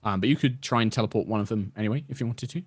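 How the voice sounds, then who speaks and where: A man's voice: lowish voice, very fast, husky, dry recording. A man narrating a tabletop fantasy game as game master in a descriptive, conversational way.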